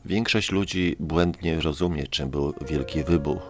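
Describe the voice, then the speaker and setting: Very deep-voiced man narrating over music. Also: a little slow. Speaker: science channel narrator. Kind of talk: scripted narration. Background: background music.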